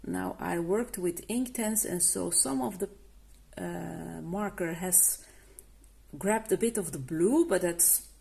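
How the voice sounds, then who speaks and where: This coloring channel host's voice is fairly low, gravelly, and warm, and she speaks at a slow pace. English isn't her native language, and as she casually reviews art markers she falters often, restarting sentences and using lots of fillers.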